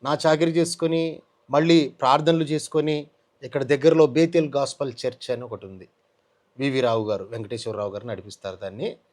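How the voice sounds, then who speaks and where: Animated man telling his testimony. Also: mid-range voice, brisk. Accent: Telugu. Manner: animated storytelling, voicing others in quotes. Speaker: guest giving a testimony. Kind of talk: emotional testimony interview.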